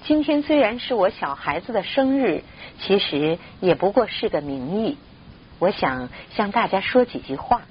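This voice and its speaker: A woman voicing a wronged widowed mother who speaks in a solemn, measured way. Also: medium pitch, big pitch swings, lo-fi sound, a little hiss or hum, natural voice.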